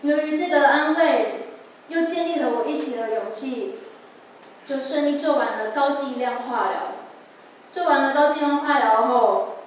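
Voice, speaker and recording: A woman in her twenties giving an earnest, emotional personal testimony at a church service. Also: high-pitched. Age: 20s. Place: church sanctuary. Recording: echoey church hall, distant mic, faint noise.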